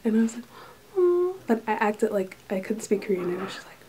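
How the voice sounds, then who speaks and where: Hushed woman vlogging, mellow voice. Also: medium pitch, steady tone, rapid-fire, slight background noise, low-quality recording. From United States. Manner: talks softly and hushed, drifting into whispers. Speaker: vlogger, English teacher abroad. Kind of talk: casual personal vlog. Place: small indoor room with thin walls.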